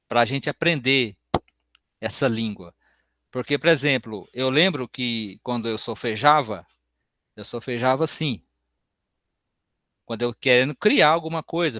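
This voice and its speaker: A man giving an open music class, explaining slowly and breaking into sung solfège syllables. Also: mid-range voice, pushed and bright, no room sound. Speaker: music teacher. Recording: dull, lo-fi sound.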